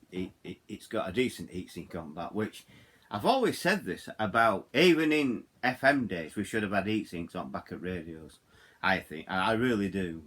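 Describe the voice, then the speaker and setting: This low-voiced, middle-aged man from Yorkshire reviews radios as a hobby, and his tone is a bit bright. Walking through a product in a relaxed, hands-on way, he keeps digressing and circles back to say the same points again in his Yorkshire accent.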